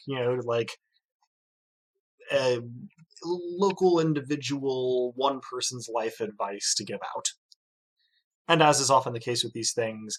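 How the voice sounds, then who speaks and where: A man narrating a tabletop game as game master, pausing often with fillers and restarts. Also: medium pitch, fairly bright tone, rough recording. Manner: hesitant, many fillers and restarts.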